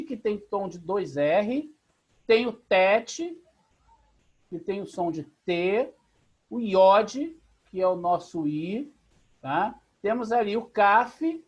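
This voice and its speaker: A Brazilian teacher with a husky, slightly breathy voice leads a live online lesson over a computer mic. The delivery is patient and methodical. Each point is spelled out, with frequent quick checks that the class is following. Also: medium pitch. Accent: Brazilian Portuguese. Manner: patient, explains step by step, often checks in with "tá?". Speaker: Bible language teacher. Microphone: video call computer mic.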